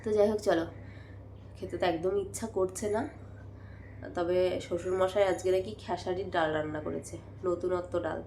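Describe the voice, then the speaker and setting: A young woman with a Bengali accent chatting casually in a home vlog, worn out and coughing, her voice going hoarse. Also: lowish voice, steady tone, moderate pace, darkish tone, roomy sound, a little hiss or hum. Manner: chatty, rambling, tired. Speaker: vlogger. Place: at home, indoors.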